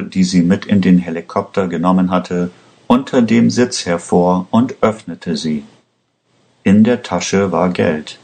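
A man reading a story aloud in a slow, measured way. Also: sits low, a little mellow. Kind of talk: scripted storybook narration.

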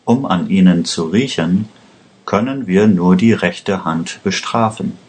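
A man voicing a sly, scheming defense lawyer who speaks smoothly. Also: low voice, measured pace, a little mellow.

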